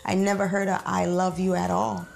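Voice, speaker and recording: A woman telling her life story in an interview, speaking haltingly with many fillers and pauses. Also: on the low side, little pitch movement, creaky. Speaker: interviewee sharing her testimony. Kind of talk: reflective testimony interview. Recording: soft music underneath.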